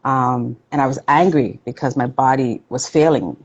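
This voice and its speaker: A woman's voice: a bass voice, normal speed, breathy edge, lo-fi sound. A woman in her forties chatting candidly, swearing freely and retelling her own thoughts. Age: 40s. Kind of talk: casual chat.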